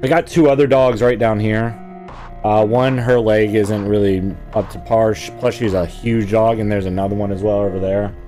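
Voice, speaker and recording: A man streaming from home in casual chat, jokey and animated, talking to his viewers and his pets. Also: on the low side, moderate pace, faint music behind. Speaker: streamer and voice actor. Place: at home, indoors.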